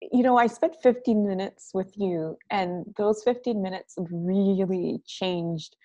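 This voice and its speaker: Introducing her podcast and telling her own story in interview answers, a host from Haiti comes across earnest and gushing. Her medium-pitched voice is mellow and a little slow, with dull audio and no room sound.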